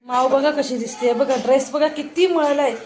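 A woman's voice: high voice, normal speed, a little mellow. A woman filming a family vlog at a village home, coaxing and teasing a small child. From Maharashtra, India. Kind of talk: casual family vlog narration. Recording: busy family crowd behind.

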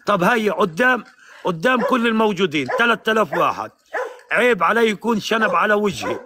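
Fast, high-voiced heated man. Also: animated, noisy background. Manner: insistent, repeats challenges, talks over the other. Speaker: live-stream debater. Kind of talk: heated online debate.

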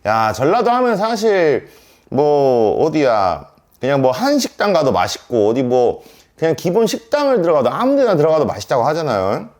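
A man's voice: fairly high pitch, huge pitch swings, moderate pace, a little mellow. A man in his thirties chatting to viewers at home while eating a delivery meal and drinking, in a casual mukbang vlog. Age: 30s. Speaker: mukbang vlogger.

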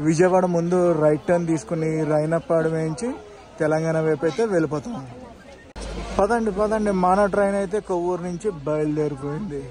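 A travel vlogger with a high-ish, steady voice talks a little fast as he films his night train ride, addressing viewers directly between stations. A crowd can be heard, along with train rattle and station noise, in this noisy recording from inside the moving carriage.

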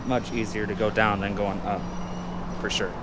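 A man's voice: fairly low pitch, flat delivery, normal speed. A young man casually narrating a walking vlog to a handheld camera outdoors, in an easygoing, rambling way. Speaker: vlogger. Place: outdoors on busy city streets and a pier. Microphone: handheld camera at arm's length. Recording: loud outdoor street noise. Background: loud traffic and street noise.

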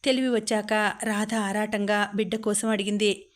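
A woman narrating an audiobook novel in a steady, even reading. Her pitch sits in the middle and barely moves. The pace is unhurried.

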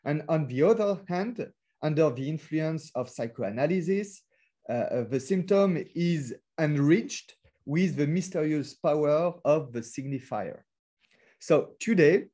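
A man with a French accent lectures over a video call, his voice sitting fairly high but mellow and soft-edged. He picks his way through non-native phrasing with frequent fillers and restarts, steady and academic in tone. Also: unhurried. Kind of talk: academic webinar talk.

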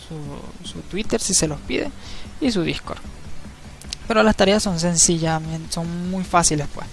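A man narrating a screen-recorded tutorial, explaining each step in a relaxed, easygoing way and often checking in with the viewer. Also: high-pitched, creaky. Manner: relaxed, step-by-step, frequent tag questions. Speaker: crypto channel host. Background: faint background music.

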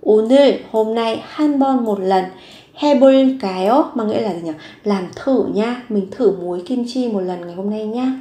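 A woman with a somewhat high voice gives a vocabulary lesson. She reads each word and example sentence aloud and repeats it slowly and carefully. The room sounds echoey. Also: mellow. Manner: slow, careful repetition of words and sentences. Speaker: Korean language teacher.

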